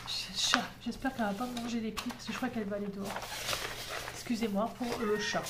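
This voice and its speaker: A woman's voice: fairly high pitch, steady tone, brisk, heavy background noise. A woman vlogger chatting at home, enthusiastic and full of hesitations as she shows her craft kits. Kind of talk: casual show-and-tell chat.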